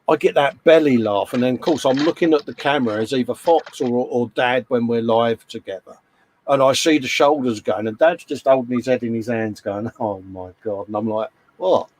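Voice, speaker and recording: Hosting a model-building stream, this man chats in a rambling, casual way and laughs frequently. He speaks English with a faint Scouse tinge, in a medium-pitched, darkish voice.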